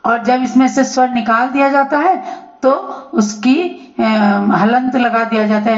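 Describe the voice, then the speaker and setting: Woman teacher going really slow and careful, drawing out examples, kinda higher voice, echoey dull sound. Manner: slow, deliberate explaining with drawn-out examples. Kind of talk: online grammar lesson.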